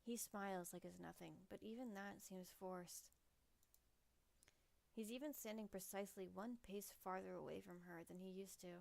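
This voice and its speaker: A woman's voice: medium pitch, fairly even intonation, moderate pace, creaky, darkish tone. A woman streamer reading a game's narration aloud in a casual way, joking and stumbling over words now and then. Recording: music playing under voice. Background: game music.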